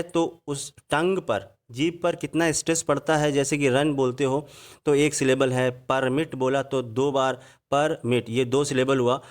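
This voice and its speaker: Man teaching a slow Hindi grammar lesson. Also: fairly high pitch. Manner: explains in Hindi, reads English examples out slowly. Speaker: English teacher. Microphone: voice-over on slides.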